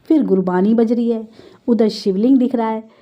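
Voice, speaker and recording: A woman with a fairly high voice gives a heartfelt testimony of faith to a congregation at normal speed, often turning to speak straight to her listeners. Her conversational telling slips easily between Hindi and English, though the audio sounds muffled.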